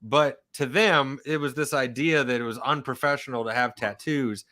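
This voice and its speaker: A historian researcher from Oklahoma with a slight Southern accent tells stories in a casual conversation, growing animated in quoted lines. His voice is medium-pitched at a moderate pace.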